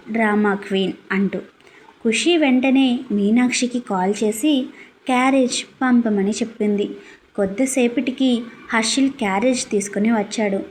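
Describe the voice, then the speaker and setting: A woman's voice: on the high side, a little mellow, husky. A woman narrating a serialized love story, reading the characters' dialogue in lightly shaded voices.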